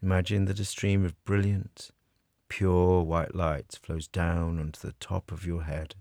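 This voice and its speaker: Very deep, slow, gravelly male meditation guide. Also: little pitch movement, warm tone, dry recording, clean studio sound. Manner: soothing, measured, with long pauses. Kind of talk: guided meditation narration, scripted.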